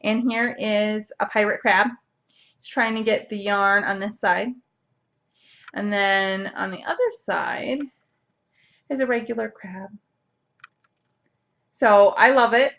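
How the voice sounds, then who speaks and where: A woman's voice: mid-range voice, steady tone, slow pace, pauses often, a bit bright, muffled recording. A young woman hosting a casual knitting podcast, chatty and bubbly, with lots of fillers and restarts. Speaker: podcast host. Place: home, seated at a computer.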